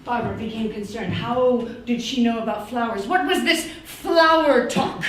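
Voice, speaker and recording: A woman improvising a story live on stage, narrating in a dramatic, halting way. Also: on the high side. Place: theatre stage. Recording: echoey noisy theatre from far off.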